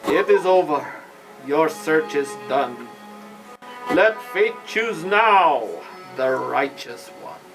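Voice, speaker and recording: A man's voice: on the high side, animated, music in the background, low-quality recording. A man voicing a solemn, unearthly ghost pronouncing fate in a tabletop game. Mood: solemn, ominous. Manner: unearthly, slow, portentous. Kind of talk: in-character tabletop game narration.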